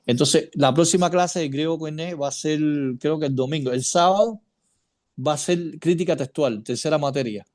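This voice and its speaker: A man's voice: fairly high pitch, normal speed, darkish tone. A man teaching an informal Bible study class, chatty, asking his students questions and repeating points as he goes. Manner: chatty, checks in with students by name, repeats himself.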